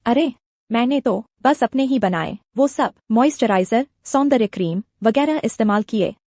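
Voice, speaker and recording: A clever young village woman who speaks calmly and persuasively. Her voice is slightly high, and the recording is dry and close. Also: normal speed, dry recording. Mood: confident. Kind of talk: dubbed drama acting.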